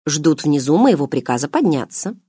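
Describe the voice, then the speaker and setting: Self-assured playful male alien, read by a woman narrator, teasing and low-pitched, close and dry. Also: big pitch swings, normal speed, warm tone, husky, no room sound, full character voice. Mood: teasing calm.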